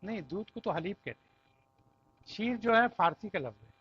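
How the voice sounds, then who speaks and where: A man with a high voice teaches an Arabic class in a classroom at an unhurried pace. He patiently repeats every phrase and explains it word by word. The recording sounds dull and lo-fi. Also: animated, breathy edge. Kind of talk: classroom language lesson.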